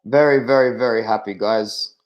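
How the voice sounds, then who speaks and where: A young Australian man hosting a casual live football watch-along, excitable and slangy as he chats with viewers. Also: fairly low pitch, normal speed. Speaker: live stream host.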